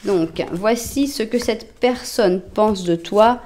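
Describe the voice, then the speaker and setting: A woman reading tarot cards for online viewers in a casual, chatty way, with many fillers and self-corrections. She speaks directly to the listener in a gentle, reassuring way. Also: mid-range voice, slow pace. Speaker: tarot card reader.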